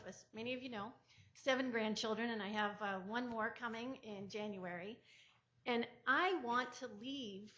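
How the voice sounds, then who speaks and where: A woman's voice: on the high side, a bit bright. An older woman from California's Central Valley giving earnest, impassioned public testimony at a board meeting, into a podium microphone. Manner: earnest and impassioned, rising in force. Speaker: public commenter. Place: public hearing room. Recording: muffled meeting-room audio.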